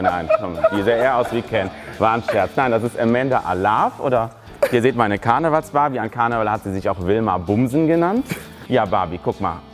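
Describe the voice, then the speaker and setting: A man performing as a drag queen tears into his fellow contestants in a comedic roast. He is bitchy and mocking, giggling through his jabs. His voice sits at a middle pitch, and loud music plays behind him throughout.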